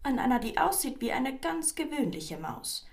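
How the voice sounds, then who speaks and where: A woman's voice: high voice, big pitch swings, normal speed, pitched above the performer's own voice. A woman voicing a smug, hungry cat in a storybook reading, mocking and scornful.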